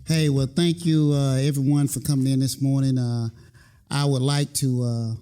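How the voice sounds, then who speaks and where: A man from North Carolina with a slow Southern drawl, hosting a conversational interview as a military chief. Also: medium pitch, steady tone, dark tone, clean tone, soft background music. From North Carolina, USA. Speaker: host, military command chief.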